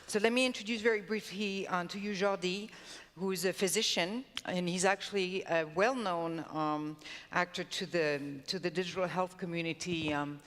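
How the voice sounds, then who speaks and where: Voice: mid-range voice, normal speed, a bit bright. A moderator introducing a speaker at a conference, hesitant with many "um"s. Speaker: session moderator. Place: conference hall. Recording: long hall reverb.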